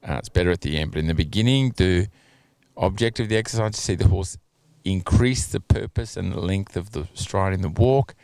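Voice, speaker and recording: A man giving measured, analytical commentary on a dressage test over video, hedging his judgments with "you know" and "a little bit". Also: low-pitched, creaky, a little mellow, no echo.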